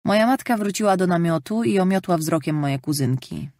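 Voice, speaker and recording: A woman narrating a novel in the first person, calm and measured, in a studio. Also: lowish voice, no room sound. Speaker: audiobook narrator.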